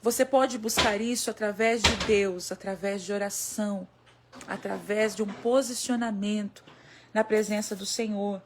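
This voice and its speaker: A woman's voice: mid-range voice, fairly even intonation, normal speed, a little hiss or hum. A woman pastor, preaching a live-streamed sermon with emphatic repetition and acted-out prayers. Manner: emphatic, repeating phrases, acting out quoted prayers.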